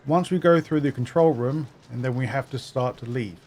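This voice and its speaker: A man's voice: mid-range voice, moderate pace. A man talking viewers through a game walkthrough step by step, explaining where to find items. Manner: instructive, step-by-step, steady. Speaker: gaming guide narrator. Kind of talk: walkthrough commentary.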